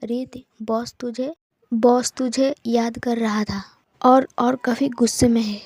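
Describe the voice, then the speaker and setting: A woman voicing a loud, joking young man who teases his friends in playful banter. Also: sits high, steady tone, unhurried, dry recording. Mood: hushed.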